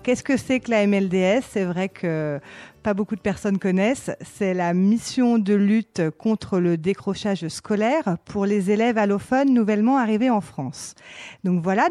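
A female teacher with a dark, mellow voice explains her program in a measured way, often pausing with hesitations. The sound is dry and close, with no trace of the room. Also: medium pitch, dry recording. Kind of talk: explanatory radio talk.

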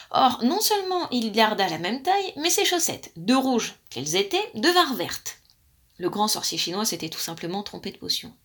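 A woman reading a storybook tale aloud in a lively, playful manner. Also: fairly high pitch.

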